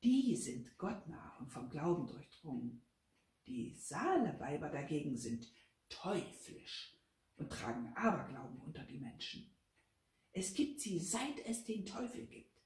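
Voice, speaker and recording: A woman's voice: low-pitched, very animated, measured pace, darkish tone, exaggerated voice. A woman voicing a stern, superstitious old head maid who talks in a scolding, preachy way. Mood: ominous. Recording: roomy, from a distance.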